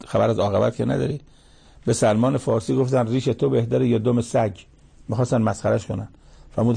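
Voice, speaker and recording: A preacher explains Quranic verses line by line in a sermon, his mid-range voice heavily gravelly and husky with a dark, mellow color. He grows animated whenever he acts out quotes.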